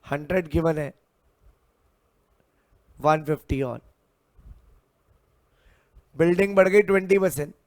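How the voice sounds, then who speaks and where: A man's voice: on the high side, takes it slowly, long pauses. A man teaching an accounting lecture, mixing Hindi and English, drawing out and repeating key terms to drill his students. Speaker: commerce teacher.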